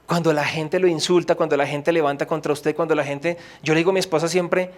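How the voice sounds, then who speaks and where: High-voiced man preaching a sermon. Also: fairly even intonation. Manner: emphatic preaching with dramatic pauses and retold quotes. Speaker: pastor.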